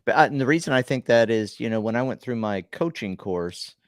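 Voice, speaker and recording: A man's voice: medium pitch, lively intonation, a little fast, no echo, clean studio sound. A man hosting a casual live-stream, chiming in with agreeable remarks and short assents. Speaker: channel host.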